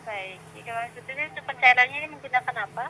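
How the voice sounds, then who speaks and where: A woman speaks in a polite, formal customer service manner, working through scripted help on a phone call. Her voice is high-pitched, quick and sharp. The phone recording has clear background noise.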